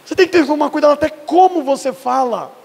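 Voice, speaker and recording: A man's voice: very high-pitched, quick pace, a little mellow. A male pastor from Brazil in his thirties preaching a sermon, his delivery rising and falling in intensity. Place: church hall. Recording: husky voice in a reverberant church hall.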